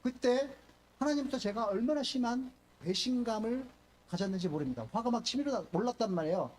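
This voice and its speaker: An older male pastor giving a sermon, telling stories with animated delivery and acting out quoted speech. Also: very high voice, fairly quick, slight background noise. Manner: animated storytelling, voices quoted speech, fillers and restarts.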